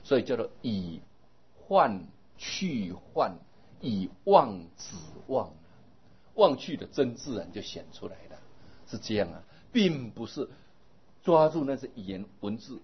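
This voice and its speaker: A man giving a Buddhist dharma sermon, explaining at length and trailing many phrases with a drawn-out particle. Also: mid-range voice, breathy edge. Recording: dull lo-fi recording.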